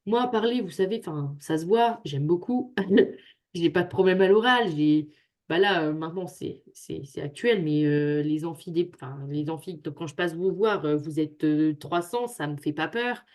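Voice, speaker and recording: A woman's voice: deep voice, normal speed, a little mellow. A young woman tutoring students over a video call, chatty and joking at her own expense. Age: young adult. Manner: chatty, joking, self-mocking. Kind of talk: casual talk on a video call. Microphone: computer microphone on a video call.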